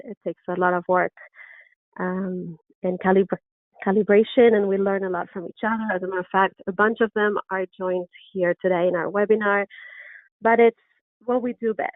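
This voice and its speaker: In this webinar presentation, a middle-aged orthodontist lecturer with an Argentine Spanish accent speaks with earnest enthusiasm, often saying um and starting phrases over. Her voice is of ordinary pitch, heard through dry, tinny, phone-like audio.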